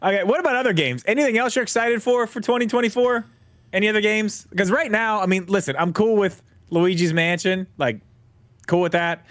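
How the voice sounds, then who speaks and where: A man co-hosting a podcast in casual chat, teasing and lively, sometimes trailing off into mumbles. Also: high voice, fairly quick, no echo. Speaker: podcast co-host.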